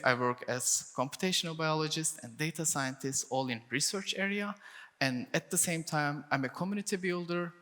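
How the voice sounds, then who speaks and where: A young Turkish man gives a technical conference talk in English, restarting phrases and linking ideas with "and then" in non-native phrasing. His voice is a little high, bright and forceful, recorded with reverb in a conference hall.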